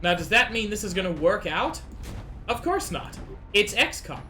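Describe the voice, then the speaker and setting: With faint game music underneath, a woman who's a bit ill streams and chats nervously with her audience in a loose, conversational way. Her medium-pitched voice swings widely in pitch, sounding bright and forceful at an ordinary pace.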